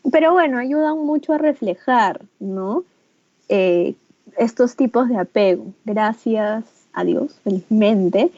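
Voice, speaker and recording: A Peruvian woman with a warm, somewhat high voice gives a teacher training lecture over a video call. She explains at an even pace and often checks in with her listeners. Her sound is dry and slightly muffled. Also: no room sound. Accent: Peruvian Spanish. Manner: explanatory, with frequent "¿no?" tag questions; acts out caregiver phrases in a higher, livelier voice.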